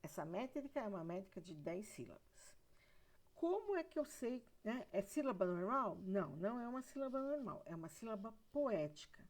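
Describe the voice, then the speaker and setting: A woman with a Brazilian Portuguese accent teaching a recorded literature lesson at a middle pitch. She works through the material step by step, counting aloud and often asking her students if they follow. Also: sing-song, normal speed. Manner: explains step by step, counts aloud, checks with "tá certo?".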